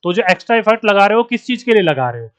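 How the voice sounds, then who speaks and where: A male coaching teacher speaks with a faint Bihari accent, and his voice sits high. He lectures to the camera in a steady explaining tone, often posing a question and then answering it himself. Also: very fast, clean tone. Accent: Bihari Hindi. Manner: addresses students as friends, asks and answers his own questions. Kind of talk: online exam-prep lecture.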